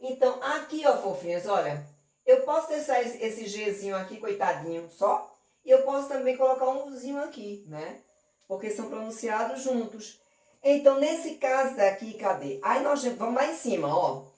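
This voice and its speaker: Animated Brazilian woman teacher, distant roomy sound. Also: mid-range voice. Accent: Brazilian Portuguese. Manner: affectionate, animated, with many diminutives. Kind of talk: online exam review lesson.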